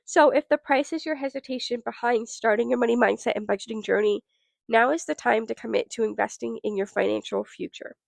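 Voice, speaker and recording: A young adult woman hosting a solo podcast, sounding nasal from a cold, giving listeners an upbeat, direct pitch. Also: steady tone, fairly quick, creaky, no echo. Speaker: podcast host.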